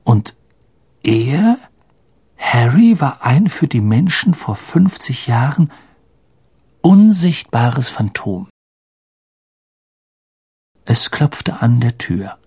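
A man narrating an audiobook with slow, expressive storytelling. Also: mid-range voice, husky, no room sound, studio quality.

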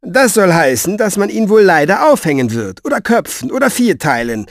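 A cranky old male writer snaps back in raised, exasperated bursts, as a male reader plays him. His pitch sits somewhat high and swings widely, and the recording is dry and close. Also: big pitch swings, moderate pace, no room sound. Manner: curt, exasperated outbursts. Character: irritable old male writer, gruff and snappish.

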